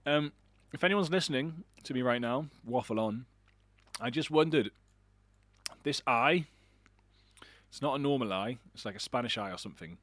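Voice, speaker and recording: A man's voice: medium pitch, expressive, moderate pace, long pauses, fairly bright tone, no room sound. A man casting an online shooter match alone, chatty and rambling, with self-deprecating asides. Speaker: esports caster. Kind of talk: solo game commentary.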